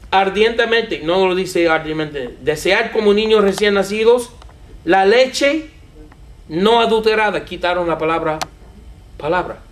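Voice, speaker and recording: A man preaching a sermon to a congregation, animated, repeating words and asking them questions. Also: sits high, reverberant. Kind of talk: sermon teaching. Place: church with a congregation.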